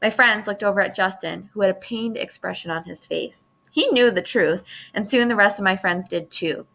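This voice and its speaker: Brief: woman audiobook narrator, bright and clear, measured memoir reading. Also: mid-range voice.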